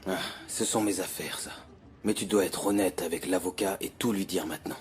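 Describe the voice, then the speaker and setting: An actor dubbing a loyal childhood friend who firmly urges honesty in a telenovela. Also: male voice, deep voice, fairly even intonation, fairly quick, close to an everyday voice. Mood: earnest.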